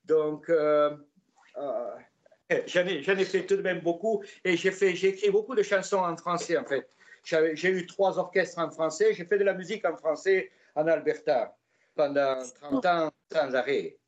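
Older Gascon-accented man, slightly high voice. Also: normal speed, muffled recording. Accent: Gascon French. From Gascony, France. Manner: rambling, many hesitations and restarts. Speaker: interviewee. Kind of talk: casual storytelling interview.

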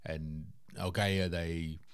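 A man's voice: sits low, little pitch movement, slow pace, clear, resonant tone. A man hosting a casual conversation, putting rambling questions and hypotheticals with some swearing. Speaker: podcast host.

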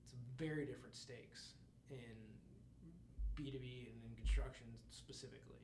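A man's voice: mid-range voice, fairly even intonation, normal speed, background noise. A man chatting casually on a podcast, rambling with many asides and laughs. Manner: rambling, lots of fillers and laughs. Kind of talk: casual chat. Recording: roomy echo, faint ambience.

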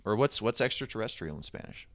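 A man's voice: on the low side, lively intonation, fast, fairly bright tone, slight background noise. A man hosting a podcast in casual chat, riffing and joking. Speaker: podcast host.

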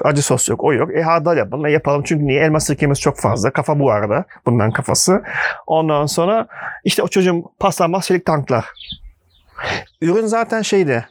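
A man with a fairly high voice, animated as he tells a story in casual chat and acts out what people said. The sound is dry and close, with no room around it. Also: no echo. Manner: animated, acts out quoted dialogue.

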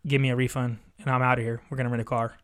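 A young man, telling a story in casual chat. He is animated and profane, acting out both sides of each exchange. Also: medium pitch, very fast. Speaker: podcast host.

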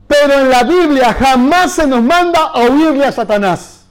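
High-voiced fervent male preacher. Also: animated, normal speed, faint music behind. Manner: fervent, repetitive exhortations with call-and-response. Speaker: pastor. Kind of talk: sermon.

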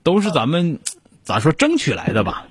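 A man's voice: on the high side, huge pitch swings, normal speed, breathy edge, no room sound. A man hosting a radio call-in show, giving blunt, joking advice.

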